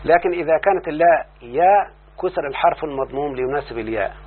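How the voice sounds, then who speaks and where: Patient Egyptian sheikh checking understanding. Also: male voice, a little high, animated, husky. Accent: Egyptian Arabic. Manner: keeps asking the student if he follows; repeats word forms slowly and drawn out. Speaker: teacher of Arabic morphology. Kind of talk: explaining a classical text to a student. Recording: tinny phone-like line with faint hum.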